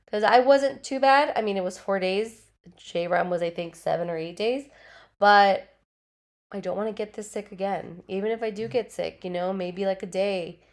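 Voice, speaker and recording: Her voice sits fairly low and sounds gravelly yet fairly bright. At home with the dogs close by, she runs a casual solo podcast, rambling along, cursing often and saying "like" constantly, still congested and only just recovered from a cold.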